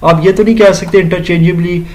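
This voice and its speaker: A man's voice: high-pitched, fairly even intonation, brisk, darkish tone. Middle-aged male teacher, slightly raised voice, polite, patient, mixing English terms into a lecture. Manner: explains step by step, mixing English terms into Urdu-Hindi speech; addresses listeners politely with "janab" and "ji". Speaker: grammar teacher. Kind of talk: classroom lecture.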